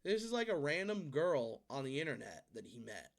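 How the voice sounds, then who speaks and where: A man's voice: on the high side, big pitch swings, gravelly. Rambling profane young man. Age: 20s. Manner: rambling, profane, quick self-corrections. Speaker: host. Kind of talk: casual storytelling and movie ranking.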